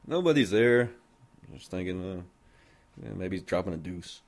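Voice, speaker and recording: A man with a fairly low voice tells a story on a casual podcast. He rambles, swears constantly and jokes along the way, in an easygoing, chatty manner. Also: animated, moderate pace. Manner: rambling, heavy swearing, loose and joking. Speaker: podcast host.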